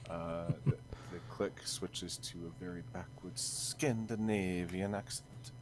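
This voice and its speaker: A young man co-hosting a podcast, chatting casually in a hesitant, halting way full of fillers and restarts. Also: low-pitched, big pitch swings, vocal fry, noisy background. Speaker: podcast co-host. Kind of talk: casual chat.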